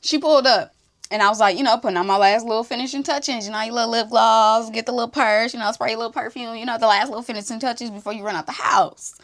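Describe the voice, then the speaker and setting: A young woman from Houston hosting a podcast, telling a casual story in an animated, slangy, profane way with frequent laughs. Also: a little high, quick pace. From Houston, Texas. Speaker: podcast host.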